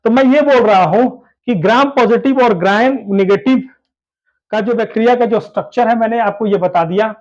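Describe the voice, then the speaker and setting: A man's voice: high voice, moderate pace. A man teaching biology who repeats his key points and keeps urging his students to listen closely. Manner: repetitive, calls students "babu", urges them to listen closely. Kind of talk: explaining a lesson at a whiteboard. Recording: dull lo-fi recording.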